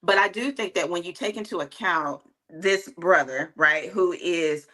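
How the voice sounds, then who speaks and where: A woman's voice: fairly low pitch, unhurried, a bit bright. A woman speaking as a guest in a casual discussion, earnest and opinionated, with plenty of likes and ums. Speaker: panel guest.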